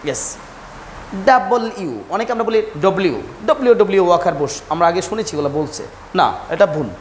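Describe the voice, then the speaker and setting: A woman's voice: lowish voice, lively intonation, racing, slight background noise. A woman teaching English pronunciation, repeating each letter sound and correcting common mistakes. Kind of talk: pronunciation lesson, drilling letters.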